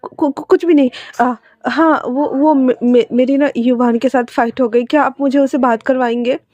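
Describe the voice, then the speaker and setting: A woman's voice: fairly high pitch, steady tone, slow pace, darkish tone, no echo, highs cut off. A woman voicing an emotional young man who stammers and pleads, as a storyteller puts him on. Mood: flustered.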